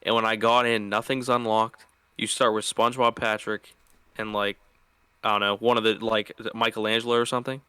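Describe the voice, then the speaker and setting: A young man co-hosting a podcast, agreeable and quick to laugh as he tells a story. His voice is low but bright and crisp, and it is recorded close and dry. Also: little pitch movement, dry recording. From Pittsburgh area. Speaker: podcast co-host. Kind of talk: casual chat.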